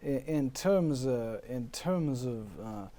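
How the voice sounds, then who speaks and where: A man playing a melancholy, touchy, theatrical undead poet from the 19th century in an improvised comedy interview, with pompous archaic wording and halting, dramatic delivery. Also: medium pitch, animated, mellow. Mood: musing, halting. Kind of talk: improvised mock interview in character.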